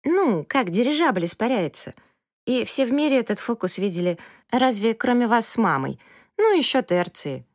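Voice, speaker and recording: A woman voicing a pert, dramatic teenage girl who talks in a high, sassy, emphatic voice. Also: very animated, normal speed, no echo, clean studio sound.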